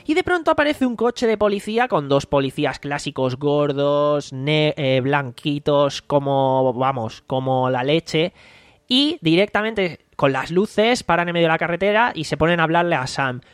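A man's voice: fairly high pitch, expressive, moderate pace, clear, resonant tone, no echo. Chatty man, close dry mic. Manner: rambling, recounts scenes by acting out quotes. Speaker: podcast host. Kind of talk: casual podcast commentary.

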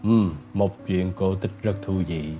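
A male narrator playing a cold, stern old judge who speaks slowly and drily, with the voice lowered. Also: warm tone, faint music behind. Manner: slow, dry, clipped.

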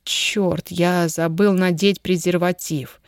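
A woman voicing a wealthy young husband, ardent but guarded, in a slow, low, even delivery. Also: no room sound, studio quality. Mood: low, measured.

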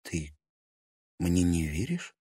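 A man voicing a quiet, puzzled young woman. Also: deep voice, very animated, takes it slowly, husky, dry recording, studio quality, exaggerated voice. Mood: bewildered. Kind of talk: audiobook character reading.

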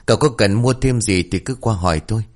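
A man's voice: lowish voice, quick pace, darkish tone, natural voice. A man voicing a chatty, helpful woman who sells fruit in a village. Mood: cheerful.

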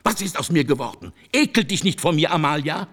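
A man's voice: fairly high pitch, lively intonation, a little fast, fairly bright tone, husky. A man reading as Casanova, a bitter aging seducer. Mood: insistent. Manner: declaiming, grim, insistent. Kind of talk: audiobook character reading.

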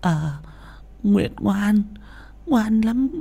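A woman voicing a frail, timid, loving old grandmother who stammers and pleads softly in an audio story. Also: medium pitch, animated, drawn-out words, vocal fry, slightly rough, exaggerated voice. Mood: tender.

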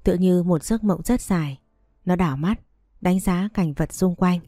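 A woman narrating a story in a steady, even reading voice. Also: lowish voice, normal speed, dry recording, soft background music.

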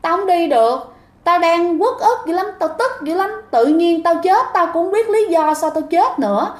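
A woman's voice: very high-pitched, lively intonation, moderate pace, voice pushed up. A woman voicing a young man's pleading ghost. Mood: aggrieved. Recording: roomy echo.

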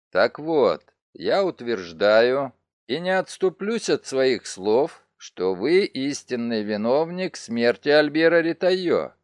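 This is a stern police commissioner, as a man reads him in an audiobook, pitched below the narrator's own voice. He speaks with cool, firm authority and gives short orders. The sound is dry and close. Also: dry recording, natural voice. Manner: firm, commanding.

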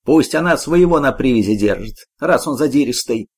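A man's voice: mid-range voice, lively intonation, normal speed, breathy edge. A man voicing a defensive middle-aged village woman in an audiobook.

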